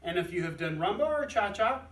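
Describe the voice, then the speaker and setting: A man's voice: high voice, very animated, fairly quick, fairly bright tone, echoey room, recorded from a distance. A man teaching a dance lesson, explaining steps and counting them out rhythmically. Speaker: dance instructor.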